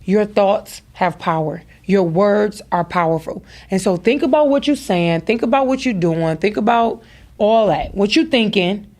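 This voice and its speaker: A woman's voice: mid-range voice, lively intonation, unhurried, a little mellow. A woman and mother hosting a podcast, giving a motivational talk straight to her listeners with emphatic repeated phrases. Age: adult with daughters. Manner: speaks to listeners directly, preacher-like. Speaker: podcast host.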